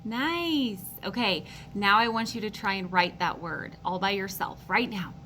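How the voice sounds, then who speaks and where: A woman teaches young children to read, speaking slowly and carefully as she sounds out each word. Her voice is bright and clear. A faint rumble hums in the background. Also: low-quality recording. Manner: slow, encouraging, sounds words out for kids. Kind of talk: online phonics lesson for children.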